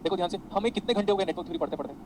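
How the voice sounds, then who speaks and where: A man lecturing on electronics to an online class, mixing Hindi and English and calling his students "beta". His voice sits a little high and he talks quickly. Faint traffic noise hums behind him. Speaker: electronics teacher.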